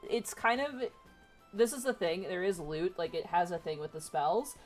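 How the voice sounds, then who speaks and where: A woman's voice: lowish voice, animated, normal speed, faint music behind. A woman running a tabletop game as game master, laughing often and swearing freely.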